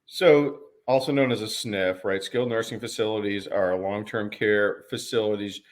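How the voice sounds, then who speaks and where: Laid-back joking man, low voice. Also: fairly even intonation, normal speed. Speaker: guest, pharmacist and business consultant. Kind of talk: casual interview chat.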